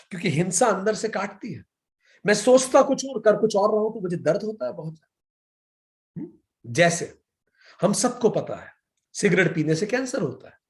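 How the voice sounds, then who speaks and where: A man teaching a yoga class in a lecture style, asking his audience questions and acting out people's excuses in quoted voices. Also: high voice.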